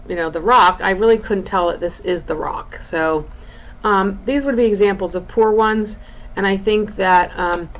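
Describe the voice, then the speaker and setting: A woman who teaches design at a college gives an informal recorded lesson and screen walk-through, explaining in a halting, drawn-out way. Her voice is medium-pitched, and background room noise is clearly audible.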